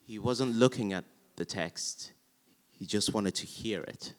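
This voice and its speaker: A man with a low voice spins a theatre anecdote for a live audience. He tells it with energy and taps out the beat of the verse as he goes. A long reverb from the hall hangs on his words. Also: takes it slowly. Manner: animated storyteller, chants verse rhythms aloud. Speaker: actor. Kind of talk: panel conversation, anecdotal.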